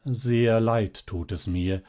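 Reading aloud, a man with a voice on the low side plays a calm, sly old male magician. The character speaks in a measured way, gently smiling as he talks.

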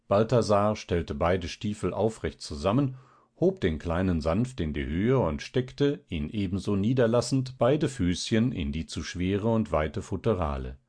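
A man reading a classic literary tale aloud in a measured, expressive way. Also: low voice. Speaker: audiobook narrator. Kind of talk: literary audiobook narration.

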